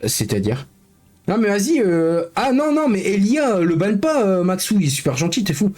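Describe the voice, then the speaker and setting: Chatty male streamer, slightly high voice. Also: big pitch swings, moderate pace, a little mellow, faint music behind. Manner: talkative, jokey mock-indignation, mumbling and downbeat at times. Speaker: live streamer. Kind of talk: casual live-stream chat with viewers.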